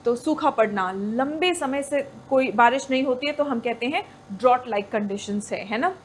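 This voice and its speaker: A woman teaching exam vocabulary, explaining words slowly, spelling them out and checking in with the learners again and again. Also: high-pitched, slight background noise. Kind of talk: Hindi-English vocabulary lesson.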